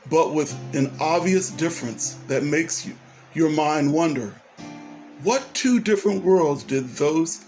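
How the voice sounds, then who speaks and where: A man with a fairly high voice tells a story, turning to address the listener directly with questions. Soft guitar music plays quietly behind him throughout. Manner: talks straight to the listener, asks questions. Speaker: narrator. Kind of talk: storytelling narration. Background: faint guitar music.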